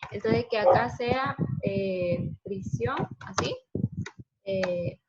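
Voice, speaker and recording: A woman's voice: on the high side, expressive, extremely slow. Patient woman teaching a class. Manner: patient, asks students many questions. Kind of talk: online class lesson. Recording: dull lo-fi sound, faint noise.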